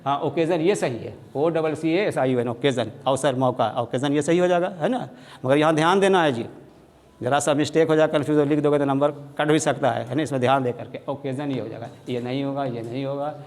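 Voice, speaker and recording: A man's voice: mid-range voice, brisk, a little mellow, big-room sound. A man with a Bihari Hindi accent teaching an English spelling lesson, saying each word several times and spelling it out letter by letter.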